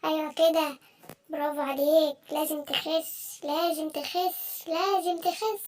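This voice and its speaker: A woman voicing an encouraging cartoon animal friend with an Egyptian Arabic accent, coaxing and cheering softly. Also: sits high, steady tone, normal speed, a little hiss or hum, close to an everyday voice. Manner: coaxing, cheering, softer and gentler. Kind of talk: children's cartoon voice acting.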